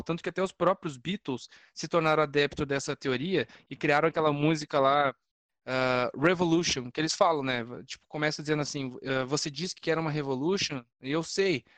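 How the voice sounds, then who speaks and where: A man's voice: a little high, a bit bright, dry recording. A man with a Brazilian accent explaining things casually as a podcast panelist, often stumbling into his sentences.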